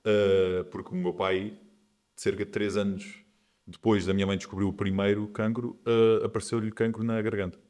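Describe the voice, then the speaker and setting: A man in his twenties, a podcast guest speaking calmly and reflectively in a casual interview. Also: lowish voice, moderate pace. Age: 20s.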